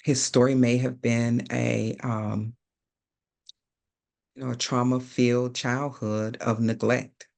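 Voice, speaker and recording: A man's voice: medium pitch, level tone, slow, vocal fry, darkish tone. A man presenting a webinar, explaining thoughtfully with hesitant ums and uhs. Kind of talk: unscripted teaching talk.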